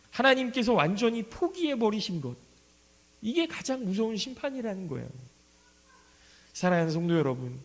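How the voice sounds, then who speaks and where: A man preaching a sermon as pastor, acting out sharp rebukes in quoted lines. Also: sits high. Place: church sanctuary. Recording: church hall reverb.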